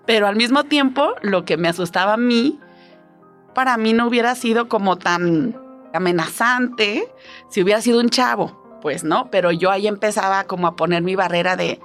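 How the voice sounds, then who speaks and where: A storyteller guest from Guadalajara with a Mexican accent tells a personal story expressively and conversationally, often tagging her sentences with little questions. Her voice is mid-range at a moderate pace, with faint music behind her.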